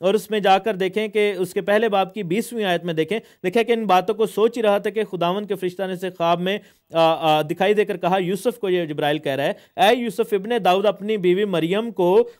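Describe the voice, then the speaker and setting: A man's voice: high-pitched, fairly even intonation, fairly quick. A man, a pastor teaching a sermon, explaining word meanings with frequent hesitations and English phrases mixed in.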